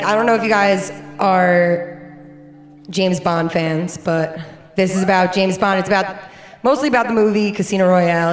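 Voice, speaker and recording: Chatty woman talking onstage between songs. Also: fairly low pitch. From United States. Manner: self-mocking, playful, chatty. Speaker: singer-songwriter guest. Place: live music venue with audience.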